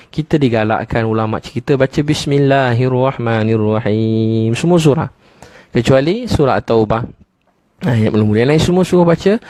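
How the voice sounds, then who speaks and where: A middle-aged male preacher with a Malaysian Malay accent, delivering a lively, humorous sermon at a mid pitch. He tells stories with animation and stretches some phrases into a slow, sung chant. The sound is dry and close, with no room echo.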